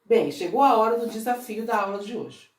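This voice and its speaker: A woman's voice: on the high side, fairly quick. A Brazilian woman teaching a recorded grammar lesson to children, coaxing and drawing out words syllable by syllable. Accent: Brazilian Portuguese. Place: classroom at a board. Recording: roomy sound, from a distance.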